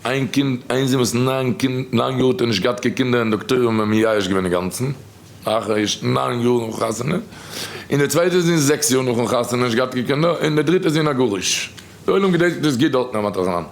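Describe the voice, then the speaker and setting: A man with a Yiddish accent giving a sermon, telling stories quickly and quoting people. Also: mid-range voice, creaky. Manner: rapid storytelling, quoting others. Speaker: rabbi giving a talk.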